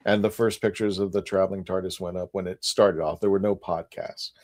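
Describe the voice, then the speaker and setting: A man hosting a casual podcast, teasing his co-hosts and recalling dates haltingly. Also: sits low, steady tone, darkish tone. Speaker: podcast host.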